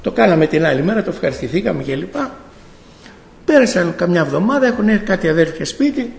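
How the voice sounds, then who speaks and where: A man's voice: high-pitched, lively intonation, vocal fry. A middle-aged man giving a spoken faith testimony to a congregation, telling the story in a storytelling way, acting out bits of dialogue and often correcting himself. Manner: storytelling, acts out dialogue, frequent self-corrections. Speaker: church member giving testimony. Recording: echoey hall with long reverb.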